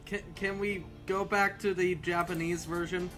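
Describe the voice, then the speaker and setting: Brief: male co-commentator, high bright voice, casual chat, faint music underneath. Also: flat delivery, normal speed.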